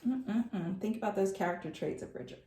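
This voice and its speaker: A woman's voice: medium pitch, a little fast, mellow, reverberant. A woman teacher reading a storybook aloud to students, telling it expressively and adding chatty asides.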